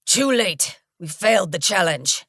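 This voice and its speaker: A man voicing a sharp-tongued, tense young woman adventurer in an audiobook. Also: on the high side, lively intonation, unhurried, creaky, no room sound, clean studio sound, voice pushed up, exaggerated voice. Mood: grim.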